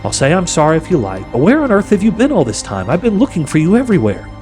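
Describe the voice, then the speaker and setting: A sulky young schoolboy from a storybook, played by a man, greedy and quick to plead or snap. His pitch jumps about in an animated way, over soft music. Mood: snappish. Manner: pleading, snappish, defensive. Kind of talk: audiobook character voice.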